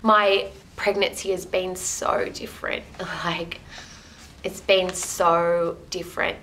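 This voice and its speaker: A woman's voice: lowish voice, level tone, takes it slowly, fairly bright tone, low-quality recording. Young woman, casual vlog chat, rambling and emotional, living room, faint background hiss. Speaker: vlogger.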